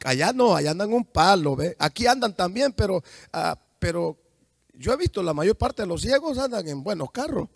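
Fervent Salvadoran preacher with a high voice. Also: male voice, creaky, no room sound, clean studio sound. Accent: Salvadoran Spanish. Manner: fervent, rising to shouts, addresses congregation directly. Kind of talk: sermon.

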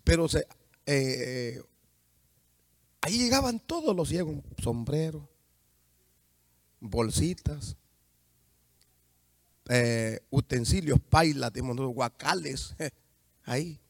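Fervent Salvadoran preacher with a high voice. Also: male voice, lively intonation, slow pace, creaky, long pauses, no room sound, studio quality. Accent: Salvadoran Spanish. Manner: fervent, rising to shouts, addresses congregation directly. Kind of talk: sermon.

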